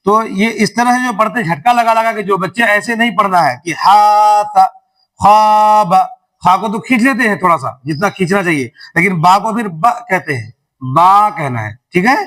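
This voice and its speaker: A man's voice: high-pitched, bright, forceful tone, rough recording. A male teacher giving a reading lesson to children, asking questions back and drawing out each syllable when he models it. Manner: repetitive call-and-response drilling. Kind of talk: classroom lesson.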